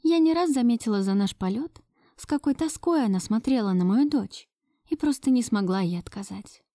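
A woman narrates a first-person story at a measured pace and gives each line some expression. Her voice is mellow and warm. The recording is close and dry. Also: on the high side, expressive, no echo.

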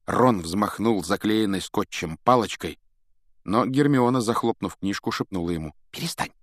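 A man with a lowish voice narrates a scripted audiobook in a measured, expressive storytelling manner. The sound is clean studio audio with no room sound.

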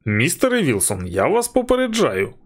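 A man's voice: on the high side, huge pitch swings, normal speed. Man doing a stern, curt airline pilot. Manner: curt, firm, warning tone. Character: stern male airline pilot, firm and controlled.

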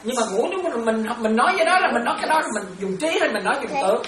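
A woman's voice: on the high side, lively intonation, rapid-fire, a crowd in the background. A woman, a Buddhist nun, teaching lay followers in a dharma talk and often checking whether they follow. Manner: questioning listeners often, repetitive. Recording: echoey room, distant mic.

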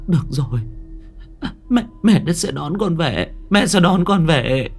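A man voicing an elderly grieving mother with a high, quavering, tearful voice. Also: lively intonation, measured pace.

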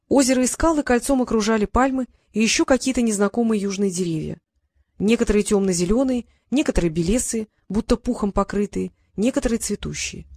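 A narrator reading a fantasy storybook aloud in an even, steady manner. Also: mid-range voice, no echo. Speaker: audiobook narrator.

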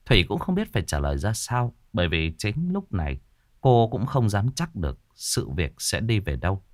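A man narrating a horror story in a slow, suspenseful storytelling manner. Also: on the low side, very animated, no echo, clean studio sound.

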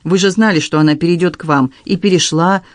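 A man's voice: fairly high pitch, fast talker, no echo, lightly acted. A man voicing a strict, cold middle-aged stepmother who speaks evenly and dryly. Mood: cold, stern. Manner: level, dry, coldly calm.

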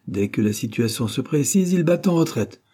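A man reading aloud, voicing a proud, vengeful young woman with a scornful, sharp delivery. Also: medium pitch, normal speed, breathy edge, lightly acted.

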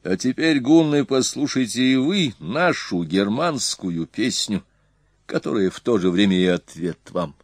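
A man's voice: on the low side, expressive, measured pace, no echo, clean studio sound. A man voicing a proud, defiant male bard who speaks with cold scorn in an audiobook. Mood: cold defiance.

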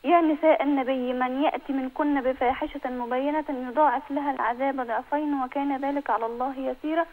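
A woman with an Egyptian accent calling in over the phone, hesitant and full of fillers, reciting verses slowly. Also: high voice, fairly even intonation. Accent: Egyptian Arabic. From living abroad. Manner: hesitant, many fillers and restarts. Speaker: caller. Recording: tinny phone line.

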